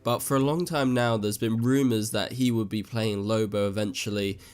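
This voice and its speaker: A YouTube host breaks down the news to camera in a casual, chatty way full of asides, his voice slightly off as he recovers from an illness. It sits on the low side and is smooth, with fairly even intonation and a moderate pace.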